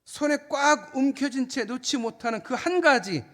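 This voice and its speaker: A man's voice: very high voice, expressive, moderate pace, fairly bright tone. A male pastor preaching an impassioned sermon in a church sanctuary, now and then speaking God's words as quotes. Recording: long reverb of a church hall.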